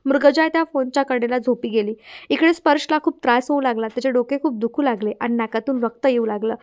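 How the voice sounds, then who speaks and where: A woman's voice: high voice, fast talker, darkish tone. A young woman narrating an audiobook, emotional storytelling with small slips and restarts. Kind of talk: scripted narration.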